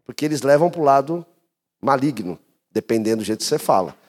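A man, a pastor preaching a sermon and telling stories with lively swings of voice. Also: quick pace. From Brazil. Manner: animated storytelling, swings between high and low pitch. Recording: reverberant church hall.

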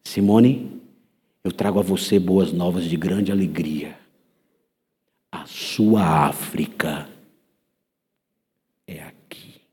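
A man with a Brazilian Portuguese accent voicing a gentle divine male visitor in whispered role-play, soft and hushed. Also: sits low, takes it slowly, in a large hall. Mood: tender.

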